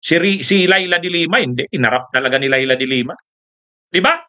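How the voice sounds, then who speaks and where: Male host, high and bright, sarcastic rhetorical political chat. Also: brisk. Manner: mocking, rhetorical, laughs often, sips coffee. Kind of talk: casual political commentary.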